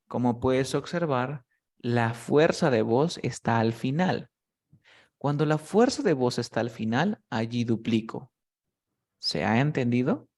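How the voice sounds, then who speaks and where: A young man with a mid-pitched voice teaches a one-on-one grammar lesson. He lays out each rule step by step, patient and steady. He keeps pausing to ask whether his student has understood. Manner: patient, explains step by step, often checks understanding. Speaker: English teacher.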